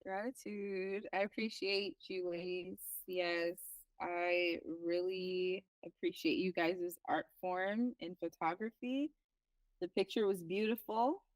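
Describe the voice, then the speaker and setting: A young woman from Liberia, a herbalist guest in an interview, speaking earnestly and reflectively with halting restarts. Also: fairly low pitch, no echo, recorded from a distance, rough recording. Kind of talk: casual interview talk.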